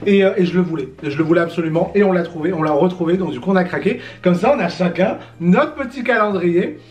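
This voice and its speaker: A man co-hosting a casual vlog, excitable and playful, laughing often. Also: sits high, fast. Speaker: YouTube co-host.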